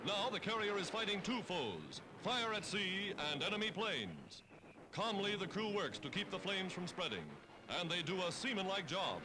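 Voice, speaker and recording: A man's voice: high voice, very animated, moderate pace, background noise. A man narrating a 1940s newsreel in a dramatic, punchy announcing manner, on an old newsreel recording. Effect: old newsreel recording with music. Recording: old newsreel soundtrack with music under.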